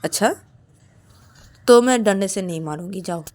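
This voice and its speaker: A teasing, bossy young woman with a stick in hand, put on by a woman narrator. She talks fast and mock-stern, her voice pitched up above the storyteller's own. This is a homemade audio story told by one reader. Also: very noisy, close to an everyday voice. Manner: taunting, rapid, mock-stern.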